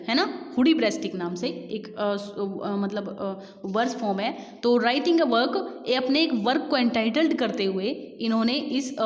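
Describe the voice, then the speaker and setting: Chatty woman teacher, echoey lo-fi sound. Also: on the high side. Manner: chatty, addresses viewers as guys, reads questions slowly. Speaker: English literature teacher. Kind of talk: exam-prep lesson in Hindi-English mix. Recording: dull lo-fi sound with long reverb.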